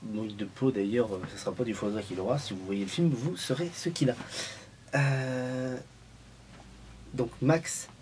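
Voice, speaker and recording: A man's voice: mid-range voice, unhurried, darkish tone, a little hiss or hum. A man vlogging at home in a casual, joking film review, rambling and restarting his sentences often.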